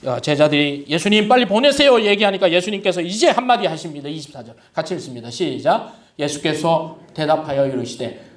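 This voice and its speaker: A male pastor preaching a sermon, lively and humorous, often asking the congregation questions. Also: a little high, brisk. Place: church sanctuary. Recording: echoey church hall from a distant mic.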